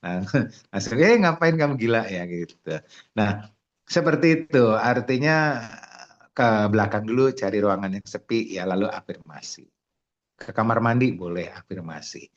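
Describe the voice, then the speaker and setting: A man with a low voice leads an online seminar on a video call, animated and fond of chanting affirmations over and over. The sound is dull and lo-fi. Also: normal speed, long pauses. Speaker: motivational speaker.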